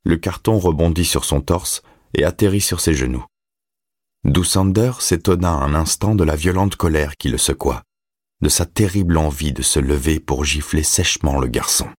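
Un homme qui lit un roman en livre audio, d'un ton posé et régulier. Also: male voice, extremely low pitch, slightly rough, dry recording, clean studio sound. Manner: steady, measured storytelling. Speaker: narrator. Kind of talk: audiobook reading.

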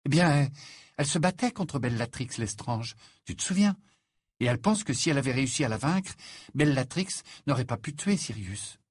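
A man's voice: medium pitch, expressive, normal speed, slightly rough, no room sound. A man voicing a clever, earnest teenage girl who protests and explains in a storybook reading. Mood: explaining. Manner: earnest, indignant.

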